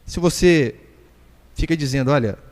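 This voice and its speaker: A man's voice: high-pitched, big pitch swings, a little fast. A man with a Brazilian Portuguese accent preaching a sermon as pastor, emphatic and acting out little dialogues. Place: church hall. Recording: reverberant church hall.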